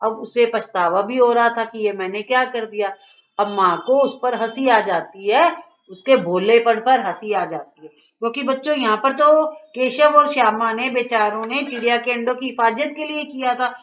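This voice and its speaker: A woman's voice: on the high side, normal speed, fairly bright tone. A woman teacher explaining a school lesson to children in a coaxing way, often checking that they follow along. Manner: coaxing, keeps asking "okay?". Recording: dull lo-fi recording.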